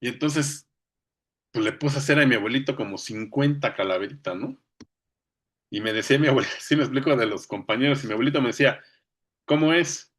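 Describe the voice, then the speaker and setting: A man's voice: mid-range voice, quick pace, fairly bright tone, breathy edge. A man with a Mexican accent giving an informal lecture, talking conversationally and often checking that listeners are following. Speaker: speaker on poetry.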